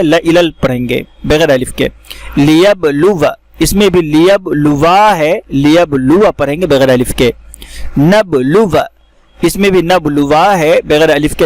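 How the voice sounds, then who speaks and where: A man teaching how to read the Quran, explaining each word and then reciting it slowly with drawn-out vowels. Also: fairly high pitch, darkish tone. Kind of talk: step-by-step recitation lesson.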